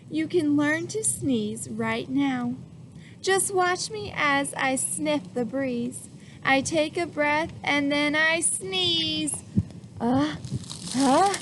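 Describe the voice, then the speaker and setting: In an unhurried, high-pitched voice, a woman reads a children's picture book aloud with plenty of liveliness for little listeners. She turns to ask questions and acts out sneezes. A clear hiss runs underneath the recording.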